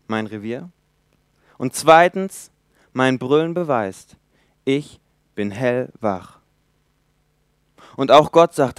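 Young man in his twenties preaching, resonant voice, dry close sound, emphatic with loud and quiet swings. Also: medium pitch, clear, resonant tone, no room sound. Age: 20s. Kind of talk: sermon.

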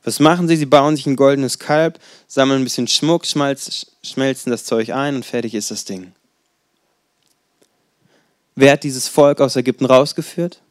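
Ein Mann in seinen Zwanzigern, der locker und erzählend predigt und dabei rhetorische Fragen stellt. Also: male voice, mid-range voice, fairly even intonation, normal speed, no echo, clean studio sound. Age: 20s. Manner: conversational, storytelling, rhetorical questions. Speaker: preacher. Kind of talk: casual sermon.

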